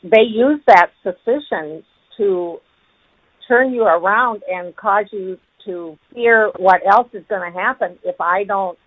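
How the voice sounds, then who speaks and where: A woman on a phone call, the victim of a scam, speaking in a hesitant, halting way. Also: mid-range voice, dry recording. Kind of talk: phone conversation. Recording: tinny, dry phone line.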